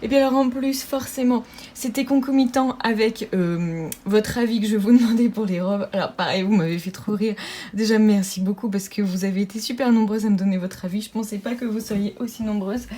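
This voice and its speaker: A woman budgeting vlogger chatting casually to her viewers, bubbly and talkative, often laughing and filling pauses. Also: medium pitch, fairly even intonation, warm tone.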